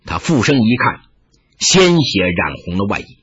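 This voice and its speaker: A man narrating a martial-arts tale with dramatic, animated delivery. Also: lowish voice, moderate pace, slightly rough. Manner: animated, rising and falling with the action. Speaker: storyteller. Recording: muffled lo-fi recording.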